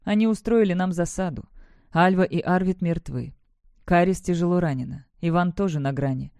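A young woman in an audiobook, sharp-tongued but hollowed out, speaking in a flat, colourless tone, as the reader puts her on. her voice is mellow and dry, close to the mic. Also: medium pitch, moderate pace, no echo, close to an everyday voice. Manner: flat, toneless when reporting.

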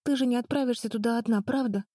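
A woman voicing Charlie, an excitable youngest little sister who yells and frets. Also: fast, no echo, clean studio sound, natural voice. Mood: worried. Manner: shrill, yelling, wobbly.

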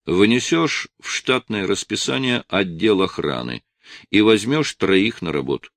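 Man reading a curt, gruff police officer. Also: lowish voice, expressive, unhurried, fairly bright tone, dry recording, heavily acted. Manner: curt, instructing.

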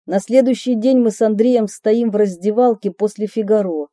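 Warm, dark-voiced woman reading a memoir. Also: fairly high pitch, fairly even intonation, normal speed, no echo, studio quality. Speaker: narrator of her own memoir.

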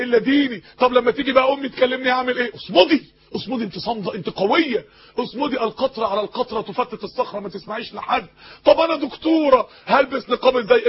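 A man's voice: very high-pitched, lo-fi sound, a little hiss or hum. A man with an Egyptian Arabic accent preaching a sermon, pleading passionately with young women and often repeating words as he searches for them. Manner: impassioned, pleading, addressing young women directly.

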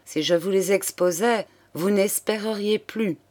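A woman reading a novel aloud and voicing a stern male magistrate who speaks in a cold, measured tone. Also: mid-range voice, darkish tone, lightly acted.

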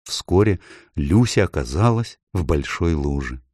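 A man reading a children's storybook aloud with an expressive, lilting delivery. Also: sits low, unhurried, no room sound, studio quality. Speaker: audiobook narrator. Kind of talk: storybook narration.

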